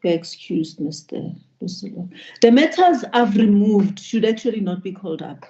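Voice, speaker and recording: A woman's voice: medium pitch, expressive, normal speed, dark tone. A middle-aged woman presiding as a judge, giving firm, stern directions in formal court language. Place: indoor room with plain wall, video call. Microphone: computer microphone on a video call. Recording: dull lo-fi video call audio.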